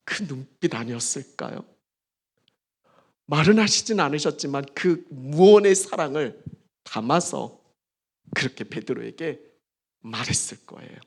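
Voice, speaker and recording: Gravelly, animated male preacher. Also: on the high side. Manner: emphatic, dramatic pauses, swings between soft and loud. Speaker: pastor. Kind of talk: sermon. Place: church service.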